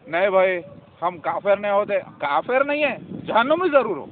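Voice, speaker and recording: A self-styled religious preacher with a high-sitting voice and big pitch swings lectures his viewers in a fervent, scolding monologue packed with rhetorical questions. The audio is tinny and phone-like, with faint noise.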